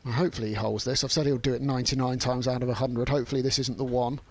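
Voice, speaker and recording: A man narrating golf highlights and commentating on the play as a sports broadcaster. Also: little pitch movement, racing.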